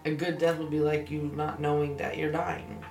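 A woman in a casual podcast chat, chatty and quick to laugh. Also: low voice, flat delivery, roomy sound, distant mic, over music. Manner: laughing, chatty, many "like" fillers. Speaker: podcast co-host.

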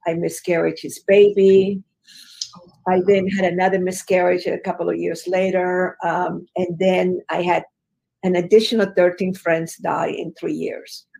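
A woman's voice: lowish voice, little pitch movement, a little slow, vocal fry, warm tone, poor audio. A woman from Chile, a guest in an interview, telling her life story in an earnest, emphatic way with frequent fillers. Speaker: guest, business educator.

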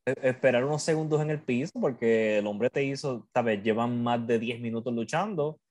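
A man with an average-pitched voice chats casually on a podcast. He jokes easily and pauses on filler words as he recounts events. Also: darkish tone. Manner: joking, hesitant with filler words. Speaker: wrestling podcast co-host.

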